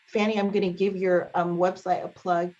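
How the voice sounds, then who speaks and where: A woman hosting a meeting, reading a guest introduction with many um pauses over a video call. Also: fairly low pitch, flat delivery. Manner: warm filler-laden reading, with um pauses. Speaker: meeting host introducing a speaker. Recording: dull lo-fi video call audio.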